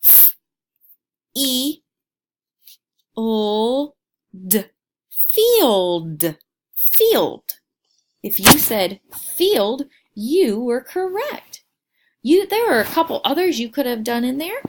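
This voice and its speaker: A woman teacher giving a phonics lesson to young learners, sounding out words slowly and clearly and encouraging them. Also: high-pitched, big pitch swings, a little hiss or hum.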